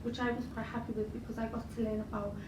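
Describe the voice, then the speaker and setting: Her voice sits on the high side with a level tone, and she talks fast. A young Scouse-accented poet from Liverpool, originally an Arabic speaker, she answers interview questions chattily, leaning on fillers and you-knows. The recording is distant and noisy, in a roomy large event hall.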